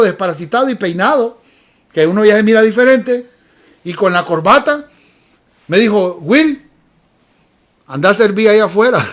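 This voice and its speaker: A man's voice: extremely high pitch, a bit bright. A man from Honduras, preaching a sermon in an emphatic storytelling way and repeating phrases for weight. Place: church sanctuary.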